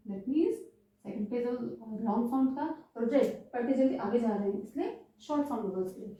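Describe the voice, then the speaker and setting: Woman, stenography tutor, high voice, slow and deliberate, dark mellow tone, drawn-out demo vowels. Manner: stretches out vowel sounds to demonstrate them. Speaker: stenography teacher. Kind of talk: slow step-by-step lesson, mixing English terms. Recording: roomy, distant, muffled sound.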